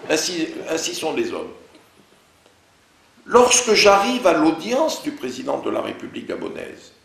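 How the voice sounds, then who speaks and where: A man giving an interview, recounting events in lively storytelling and acting out the dialogue of the people involved. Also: fairly high pitch, measured pace, gravelly, roomy sound. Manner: animated storytelling, quoting others' words in dialogue. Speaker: interview guest.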